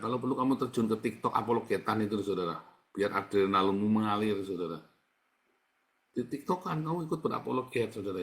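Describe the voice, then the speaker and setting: Man, pastor, sermon, fervent, urging, lowish voice. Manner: fervent, urging listeners to repeat phrases. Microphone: online Zoom session.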